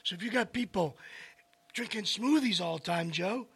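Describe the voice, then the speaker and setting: A man hosting a casual health talk, rambling and speaking straight to his viewers with lively asides. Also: high-pitched, moderate pace, gravelly, breathy edge, dry recording. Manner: rambling, addresses folks directly, animated asides. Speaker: host.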